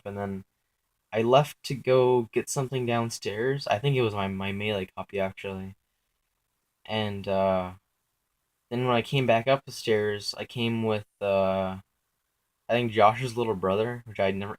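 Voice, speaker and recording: Speaking at a fairly low pitch, a young man rambles haltingly through his dreams, swearing casually and filling his speech with fillers and self-corrections.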